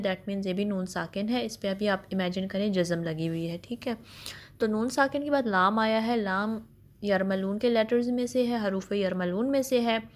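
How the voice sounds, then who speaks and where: A woman teaching Quran recitation, patiently explaining each letter with slow spoken examples and mixing English words into her explanations. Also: mid-range voice. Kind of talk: step-by-step recitation lesson.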